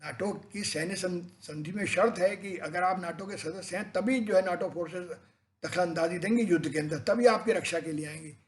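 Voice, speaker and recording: A man's voice: high voice, moderate pace. An older man explaining history as an educator in an unscripted lecture, switching into English phrases and restarting words as he goes.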